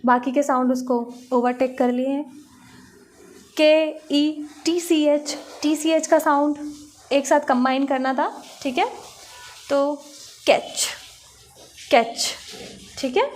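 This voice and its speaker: A woman's voice: high voice, a little mellow. A woman with an Indian accent teaching phonics to young children in Hindi-mixed English, sounding out letters one at a time.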